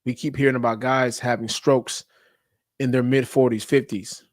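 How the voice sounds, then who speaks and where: A blunt, emphatic man lectures his listeners on getting in shape, swearing casually and dropping slang as he goes. His voice sits at an ordinary mid pitch. The sound is close and dry. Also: level tone, normal speed, no room sound. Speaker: podcast host. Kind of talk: motivational monologue.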